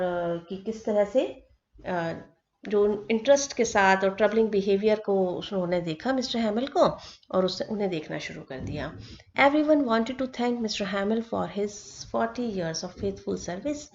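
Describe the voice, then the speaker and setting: A woman teacher explaining a textbook chapter, reading lines slowly and then explaining them at length. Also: medium pitch, darkish tone, slight background noise. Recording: dull lo-fi recording.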